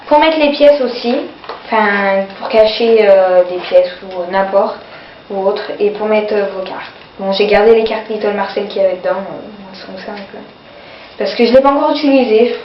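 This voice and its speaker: In a mid-range voice, a vlogger with a cold and a runny nose talks casually about things she bought on sale. She's hesitant, leans on fillers and says "voilà" over and over. Expect echoey, distant, dull lo-fi home video sound with a little hiss or hum.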